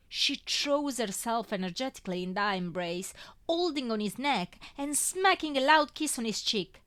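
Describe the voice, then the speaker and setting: A woman reading a first-person story aloud in an expressive, lilting way. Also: on the high side, no echo. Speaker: fanfiction reader.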